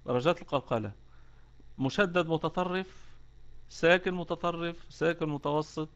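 A man's voice: on the high side, moderate pace, fairly bright tone, dull audio. A man with an Egyptian accent teaching Quran recitation rules in an online lesson, explaining step by step and repeating key words.

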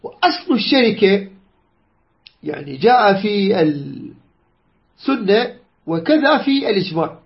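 Man, high-pitched voice, jurisprudence teacher, unhurried explanation, repeats phrases, hesitant "aah" pauses, dull lo-fi recording. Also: very animated, creaky. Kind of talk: classroom lesson explaining a legal text.

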